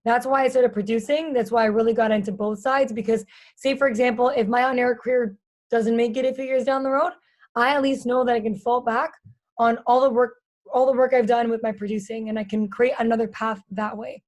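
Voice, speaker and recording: A woman in her twenties with a raspy, fairly high voice is a guest on a relaxed podcast interview; she hosts at stadiums and on social media. She chats openly and candidly in fast run-on sentences packed with "like".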